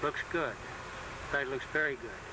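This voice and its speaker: A man with a medium-pitched voice gives casual, somewhat hesitant golf commentary. He is outside on the course, and strong rumbling noise runs under the whole recording. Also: normal speed. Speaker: golfer and amateur commentator. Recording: very noisy outdoor recording, vehicle rumble.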